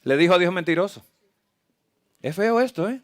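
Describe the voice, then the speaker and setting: The preacher's voice sits high and sounds animated, moving at a moderate pace through a camp-meeting sermon. A health lecturer as well, he combines scripture with medical slides and regularly questions the congregation rhetorically.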